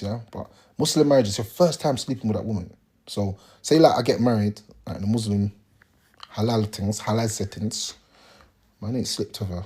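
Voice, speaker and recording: A young man talks straight to his livestream viewers, lecturing them in blunt street slang. His voice is husky, and his pitch leaps up and down as he gets worked up. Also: darkish tone. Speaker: live streamer. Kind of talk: casual advice on a livestream.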